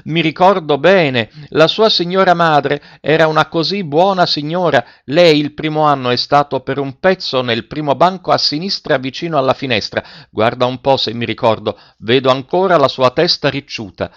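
A man with a slightly high, somewhat bright, pushed-up but natural voice plays a frail, elderly retired schoolmaster, his tone trembling a little yet full. He sounds courteous and wistful, remembering slowly, and the lo-fi recording is dull but has no echo.

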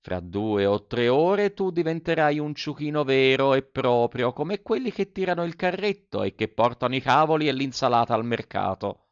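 A man voicing a kindly little female marmot in a storybook reading, speaking slowly and soothingly with regret. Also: medium pitch, expressive, clear, resonant tone, no echo, voice pushed up, natural voice. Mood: solemn. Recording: dull, dry recording.

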